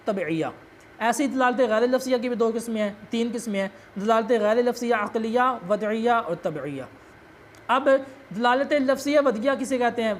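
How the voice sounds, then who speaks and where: A woman's voice: on the high side, slight background noise. A woman teacher giving a lecture on a text, explaining step by step, asking herself questions and repeating key terms.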